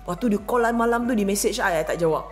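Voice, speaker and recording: A married woman vlogging, telling a casual story with lively acted-out quotes and English words mixed in. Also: quick pace, faint music behind. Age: adult, married. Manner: animated, acts out quotes with big pitch jumps, mixes English in.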